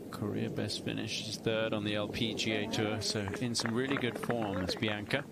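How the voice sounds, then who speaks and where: A man's voice: fairly low pitch, little pitch movement, moderate pace, creaky. A man giving live golf commentary as a broadcast commentator at a tournament. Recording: loud outdoor background noise.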